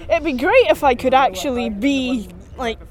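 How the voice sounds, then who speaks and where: A woman from Kingussie with a Highland Scottish accent, chatting casually as an interviewed cosplayer. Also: moderate pace, crowd noise. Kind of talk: casual chat.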